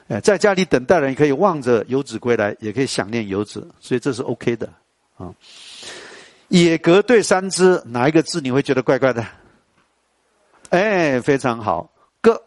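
A man's voice: medium pitch, no room sound. Taiwanese mandarin guy teaching poetry tones, quizzes the class, drags out lines when he chants em, dry close sound. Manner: lively, quizzes students, chants lines slowly. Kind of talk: classical poetry tonal lesson to students.

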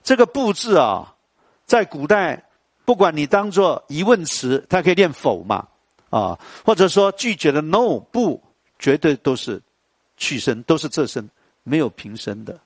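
A male teacher with a Taiwanese Mandarin accent leads a classical poetry lesson in a lively classroom manner. He quizzes his students and chants verses slowly and deliberately. The recording is dry, with little room sound. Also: on the high side, no room sound.

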